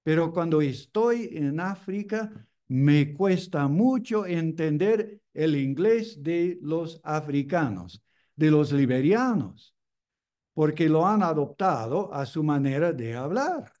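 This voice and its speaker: A male preacher, a native English speaker, delivers a sermon in measured, unhurried phrases with lively intonation. His voice is a little high for a man yet mellow and soft-edged, and he repeats key phrases as he builds each point.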